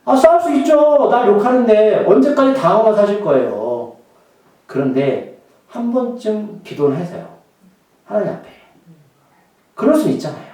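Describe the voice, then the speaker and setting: A man's voice: high-pitched, animated, moderate pace, long pauses, warm tone, very echoey, distant mic, low-quality recording. A male pastor delivering a sermon in a conversational way, often throwing questions to the congregation.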